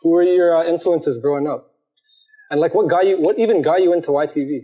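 A young man hosting a podcast, upbeat and casual, with a boom mic in a living room. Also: a little fast, narrow, tinny audio. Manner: upbeat, casual slang, laughs often. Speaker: podcast host. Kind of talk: casual interview chat. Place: bright living room with large windows. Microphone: studio mic on a boom stand.

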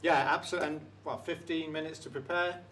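A man's voice: a little high, flat delivery, quick pace, a bit bright, a little hiss or hum. Effusive male cooking show host. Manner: effusive, praises the food while tasting. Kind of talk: casual cooking show chat.

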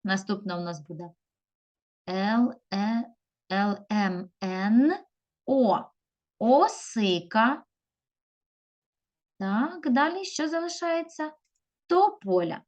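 A woman teaching a video lesson to young pupils, drawing words out slowly and calling them children. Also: mid-range voice, expressive. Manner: slow, drawn-out stressing of words; addresses pupils warmly as children. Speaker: primary school teacher.

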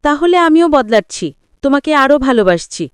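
A woman's voice: high-pitched, very animated, moderate pace, no echo, studio quality. A woman voicing a tender young husband who works abroad, read aloud in an audio story. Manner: gentle, tender.

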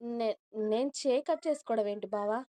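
A woman's voice: fairly high pitch, steady tone, normal speed, mellow, smooth, lightly acted. A woman voicing a playful, nervous young woman who chatters and pleads. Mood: chatty. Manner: chatty, pleading, stammering when caught.

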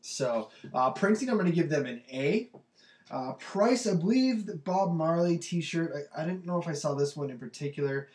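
A man's voice: a little high, lively intonation, moderate pace, darkish tone, reverberant. A young man with a stuffy nose from a cold, chatting casually through a product review with plenty of ums and uhs. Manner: loose and chatty with many ums. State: congested from a cold. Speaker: t-shirt review vlogger.

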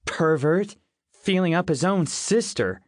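A woman's voice: low voice, very animated, moderate pace, no room sound, clean studio sound, voice pushed up. A male audiobook narrator voicing a harsh, blunt young woman who teases and mocks crudely. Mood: teasing. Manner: mocking and crude.

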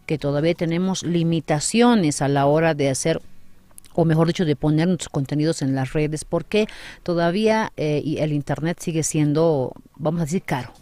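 Interviewed as a guest in a small radio studio, a city councillor in her forties earnestly explains her views with emphasis into a boom-arm mic. She speaks at a moderate pace in a warm tone, and the recording is dry.

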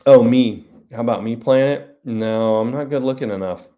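At a moderate pace and medium pitch, a man's warm voice carries a casual livestream. He's an author in his forties talking to a desk webcam in a small room at home, answering viewer comments in a rambling, self-deprecating style.

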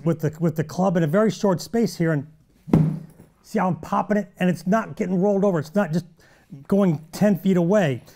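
Speaking straight to the camera, an energetic middle-aged golf instructor and show host teaches in a high but mellow voice. He talks in punchy bursts and drops in sound-effect words while demonstrating.

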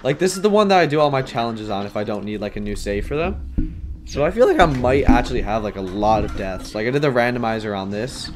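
A young man streams himself playing a game, chatting the whole time in casual gaming commentary. His ordinary middle-pitched voice is expressive and quick, self-deprecating, packed with fillers and sudden yelps, with game music faintly in the background.

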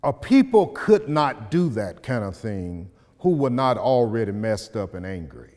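A middle-aged poet and community speaker tells stories and recites spoken-word poetry, his voice sitting low but swinging widely in pitch. He speaks slowly and deliberately, leaving dramatic pauses and building to loud emphasis in the verses. A distant camera captures him indoors in a large, bright hall with tall arched windows, and the big room adds noticeable reverb.

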